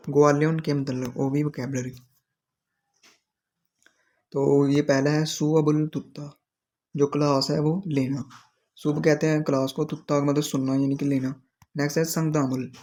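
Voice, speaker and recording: Male teacher, even flat delivery, slow repetitive explanations. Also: on the high side. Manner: explains each word slowly and repeats it. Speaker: Korean language teacher. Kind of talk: explaining vocabulary in a lesson.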